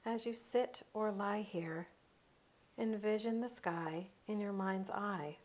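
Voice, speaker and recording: With a darkish tone and medium pitch, a woman leads a soothing meditation, unhurried, with long silences between brief phrases.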